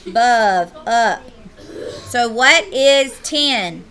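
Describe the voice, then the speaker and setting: A woman's voice: a little high, animated, very slow, fairly bright tone. A woman teacher, leading a classroom math lesson and playfully teasing her students.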